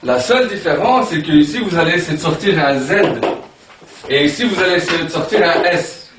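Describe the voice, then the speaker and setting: A man teaching a class in an animated way, sounding out letters again and again. His voice sits a little high, and he is picked up from across an echoey room with a faint hiss behind him. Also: a little fast. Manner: animated, repeats sounds to demonstrate pronunciation. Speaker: Arabic teacher. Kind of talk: classroom lesson. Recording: echoey room from far off, background noise.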